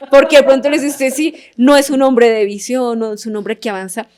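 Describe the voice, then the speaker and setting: A woman's voice: on the high side, flat delivery, moderate pace, a little mellow. A woman co-hosting a church couples ministry talk, explaining with example phrases.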